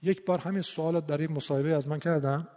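Higher-voiced man in a reverberant hall. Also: steady tone, dark tone. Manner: earnest and explanatory, quotes Arabic verses and sayings. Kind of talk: conversational explanatory talk.

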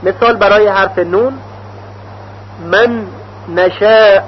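A man teaching Quran recitation rules, explaining slowly and carefully and sounding out example syllables in a deliberate, drawn-out way. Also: high-pitched, steady tone. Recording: dull lo-fi recording with faint hum.

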